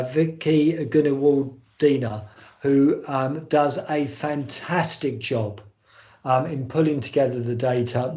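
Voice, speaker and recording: A man's voice: mid-range voice, warm tone. A man chairing a formal board meeting over a video call, hesitating often with ums and uhs. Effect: heard over a video call. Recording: roomy, dull video call audio.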